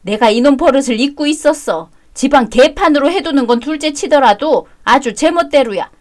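A bossy older mother-in-law, put on by a woman reader, scolding in sharp, shrill bursts. Her voice sits rather high and rises when she nags. It is a storybook drama reading. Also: moderate pace, close to an everyday voice. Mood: complaining.

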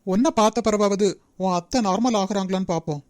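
A woman's voice: mid-range voice, fast, darkish tone, no room sound, studio quality, close to an everyday voice. A woman voicing a stern, protective young man in a cartoon, speaking firmly with a Nagercoil Tamil accent. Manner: firm, commanding. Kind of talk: cartoon voice acting.

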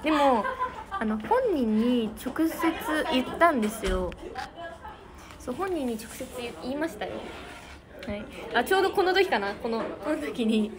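With a crowd in the background, a teenage girl from Niigata, Japan, hosts an idol livestream, chatting casually and thanking viewers for comments. Her slightly high voice is very animated and moves at a moderate pace, and the audio is noisy.

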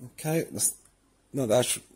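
A man walks through a casual step-by-step tutorial, informally describing each step as he carries it out. His mid-range voice is slightly husky and his pace is measured. Background noise can be heard.

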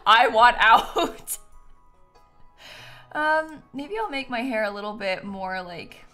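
A woman's voice: fairly high pitch, expressive, slow pace, a bit bright. A playful young adult woman chatting casually and self-deprecatingly to viewers on a gaming live stream, giggly and close on the mic. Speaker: game streamer, host. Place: small room indoors at home. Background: game music.

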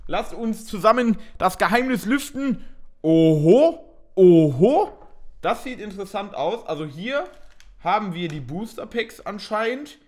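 A young man talks casually through an unboxing, thinking aloud and poking fun at himself now and then. His voice sits a bit high for a man. The delivery is loose and conversational. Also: expressive, moderate pace, a bit bright. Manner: chatty, thinks aloud, mildly self-mocking. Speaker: unboxing video host.

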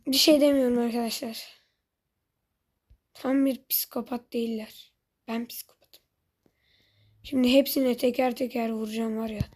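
A woman's voice: a little high, fairly even intonation, normal speed, long pauses, darkish tone. A woman giving casual commentary on her own gameplay. She breaks into exasperated outbursts, talks straight to her viewers, and sometimes mutters under her breath. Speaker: gaming channel host.

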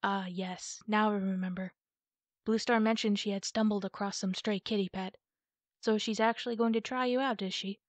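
A woman's voice: mid-range voice, fairly even intonation, moderate pace, no room sound, close to an everyday voice. A woman voicing a big, scarred male warrior cat in a storybook reading, confident and commanding. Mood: cool.

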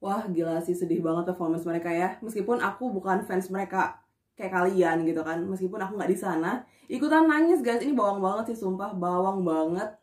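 A woman's voice: mid-range voice, brisk. A young Indonesian woman chatting through a reaction video, gushing and teary, calling her viewers guys. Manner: gushing, emotional, slangy, addresses viewers as guys. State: teary, near crying. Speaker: YouTube reactor. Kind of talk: casual reaction video chat. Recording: echoey room with music playing behind.

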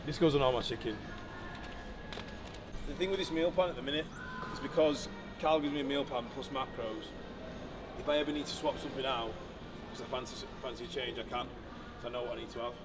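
A young bodybuilder vlogger casually walks through a supermarket, cheeky and jokey with a bit of swearing. Over music, his medium-pitched voice moves a little fast.

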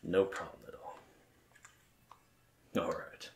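A man plays a bartender in ASMR role-play game commentary, keeping up polite, attentive customer-service patter. He speaks slowly in an echoey room, with a little hiss or hum in the background.

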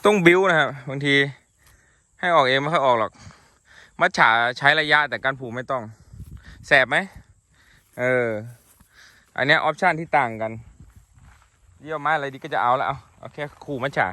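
A man's voice: medium pitch, moderate pace, long pauses, bright, forceful tone, dry recording. A man casually narrating a vlog outdoors at a horse paddock, playfully coaxing and teasing his horses and chuckling as he talks. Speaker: horse owner and channel host.

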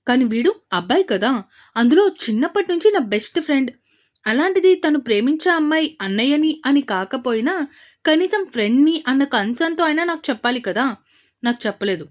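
A man's voice: high voice, lightly acted. A woman voicing a hot-tempered, protective young man who scolds his friend and sister. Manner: scolding, stern.

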